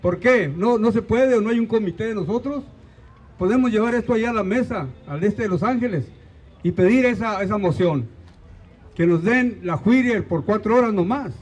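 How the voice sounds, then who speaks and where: The rally speaker, an older Mexican-accented man from Mexico, has a high, husky voice with a darkish tone and speaks at a moderate pace. Holding a mic in an outdoor park, he gives a rousing, earnest address full of pointed questions.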